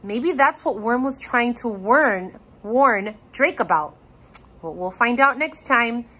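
A woman's voice: on the high side, expressive, slow, fairly bright tone, breathy edge, low-quality recording. A woman teacher reading a chapter book aloud to children, addressing them directly and expressively. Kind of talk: storybook read-aloud.

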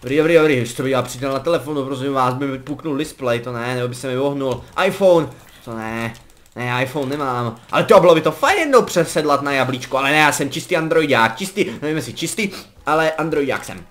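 A young man giving casual, joking commentary over a game he is playing, rambling along and breaking into excited yelps. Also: medium pitch. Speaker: gaming commentator.

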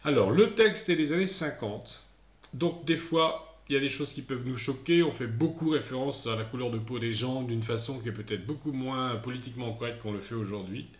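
A man giving a recorded English lesson to his pupils, explaining a text patiently and trailing off softly at the ends of his sentences. His voice sits at a middle pitch. The sound is roomy and a little dull, like a home recording. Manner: reads English passages slowly and clearly, then explains in relaxed French; speaks directly to pupils, often trailing off softly. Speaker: English teacher. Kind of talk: recorded video lesson, commented reading.

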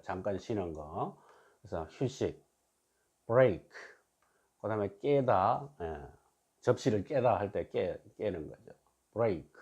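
A man teaching English phonics in a slow classroom style, repeating each word and often asking his listeners to agree. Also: on the low side, mellow. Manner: repeats words slowly, asks "그죠?" for agreement. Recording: dull lo-fi recording.

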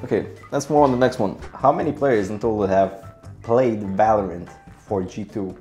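A man in his twenties casually hosts a quiz, reading the questions aloud while seated in a chair in a small bathroom. His voice is lowish and mellow at a moderate pace, and the recording is echoey with music behind it.

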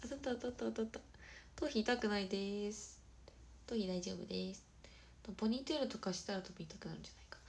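A young woman hosting a casual livestream who chats quickly and brightly with viewers, often dropping to a soft murmur. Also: medium pitch, gravelly, slight background noise. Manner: fast-talking. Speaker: idol livestream host. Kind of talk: casual livestream chat reading viewer comments.

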